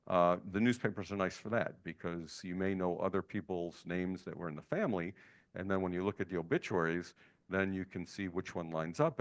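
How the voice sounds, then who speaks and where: A middle-aged man giving an informal, rambling library talk full of anecdotes and "uh" fillers. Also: low voice. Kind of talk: informal lecture.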